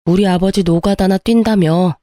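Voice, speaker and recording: A woman reads a scripted first-person story aloud and delivers its arguments with sharp, sarcastic bite. Her tone is mellow and warm. The recording is close and dry, with no room around it. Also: mid-range voice, fairly even intonation, normal speed, no room sound.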